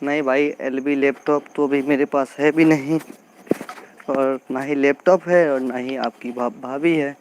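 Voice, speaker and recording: A man's voice: medium pitch, steady tone, a little slow, a little mellow, a little hiss or hum, low-quality recording. A man hosting a live stream, chatting casually with viewers and teasing them by name. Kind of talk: casual live chat reading comments. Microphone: earphone mic.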